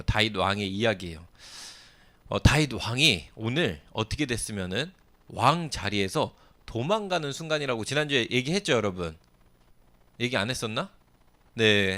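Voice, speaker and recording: Lively, chatty male youth pastor. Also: mid-range voice. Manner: chatty, acts out the story, keeps checking understanding. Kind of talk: casual sermon to teenagers.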